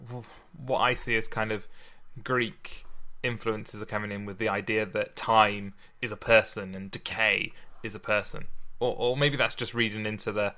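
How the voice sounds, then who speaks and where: Bright-voiced man, hesitant. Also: on the low side, fairly even intonation, normal speed. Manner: hesitant, repeats words, laughs easily. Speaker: podcast co-host. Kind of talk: casual literary discussion.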